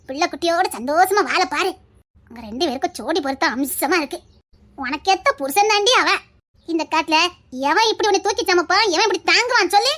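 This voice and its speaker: A blunt old village grandmother with a Tirunelveli accent lectures and teases in a lowered, gravelly-sounding register, as a woman acts her out. She talks like someone who has seen it all. This is a one-voice audio drama. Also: fairly bright tone. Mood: lecturing. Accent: Tirunelveli Tamil. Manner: scolding, lecturing, teasing.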